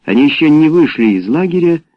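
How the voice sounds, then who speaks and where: A man narrating an audiobook in a steady storytelling manner. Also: on the high side, brisk, no echo. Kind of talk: scripted narration. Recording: dull lo-fi audiobook recording.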